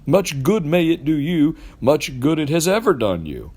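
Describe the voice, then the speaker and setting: A man's voice: a little high, very animated, moderate pace, darkish tone, voice pushed up. A man voicing a stern, irritable old miser from a storybook, with a growling, indignant and curt delivery.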